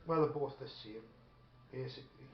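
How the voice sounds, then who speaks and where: During a filmed tabletop wargame in an indoor room, a man with a mid-range voice speaks at a moderate pace over soft background music. His talk is casual game chat, hesitant as he thinks aloud and reads some rules aloud. The audio sounds roomy and dull, with faint noise and a radio in the background.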